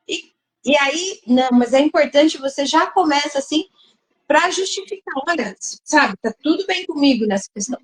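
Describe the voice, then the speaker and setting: A woman host with a high voice guides a live discussion at a slow, unhurried pace. She pauses often to find her words and sounds reflective as she sums up what others have said. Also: a little mellow, low-quality recording.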